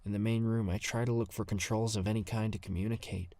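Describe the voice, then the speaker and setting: An actor playing a nervous young male survivor, narrating an audio drama in the first person with tense, hushed storytelling. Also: lowish voice, fairly even intonation, fast, no room sound, close to an everyday voice. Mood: uneasy.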